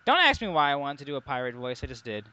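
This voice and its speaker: A young man chatting casually while commenting on a video game, rambling and excitable. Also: medium pitch, fast, clean tone, muffled recording. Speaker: let's play commentator.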